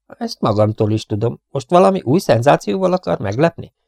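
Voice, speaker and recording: A man's voice: medium pitch, animated, creaky, darkish tone, no echo, studio quality, voice pushed up. A man doing a sarcastic young rogue. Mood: mocking. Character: mocking, cheeky young male rogue.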